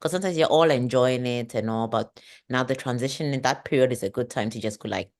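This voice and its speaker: A woman hosting an interview, affirming her guest warmly and repeating "lovely, lovely.". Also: a bass voice, fast talker. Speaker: podcast host, interviewer. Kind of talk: casual interview chat.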